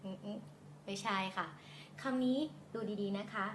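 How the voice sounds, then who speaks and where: A Thai woman gives a casual English lesson, drawing words out slowly and playfully as she drills them. She is recorded on a phone in a room with noticeable echo. A faint ambience sits behind her voice. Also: medium pitch, fairly even intonation, a bit bright, slight background noise. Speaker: English teacher. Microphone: phone camera.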